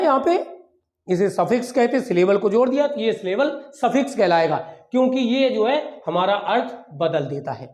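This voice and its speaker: In an echoey room, a man teaches grammar in a repetitive style, asking questions and answering them himself while going over key points again. His voice is high-pitched and a little mellow.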